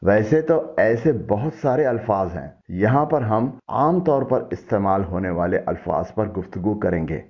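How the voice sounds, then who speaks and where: A man teaching a scripted vocabulary lesson, spelling out each word letter by letter in a deliberate way. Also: on the low side, expressive, lo-fi sound. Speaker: language teacher.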